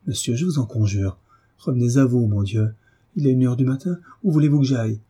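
A man reading a novel aloud and voicing a young wife who answers her husband formally and begs him to calm down. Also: medium pitch, fairly quick, slightly rough, close to an everyday voice. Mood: pleading. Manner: formal and pleading. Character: frightened young mother, pleading, dignified.

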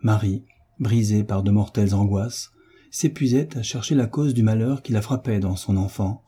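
A man narrating a classic novel as an audiobook, in a measured, even manner. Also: lowish voice, slightly rough.

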